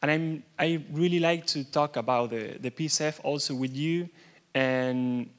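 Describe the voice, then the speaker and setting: In a big hall, a young man from Argentina stumbles through a keynote speech, his Argentine Spanish accent clear. He speaks at a fairly high pitch, and his delivery is anxious and broken, full of false starts.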